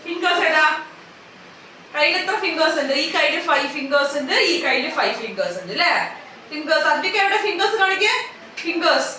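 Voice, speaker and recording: Preschool teacher lady, high bright voice, keeps asking the kids questions, far off in a super echoey classroom. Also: lively intonation, fairly quick, slight background noise. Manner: coaxing, repeating simple words and asking many questions. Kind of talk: classroom teaching of young children.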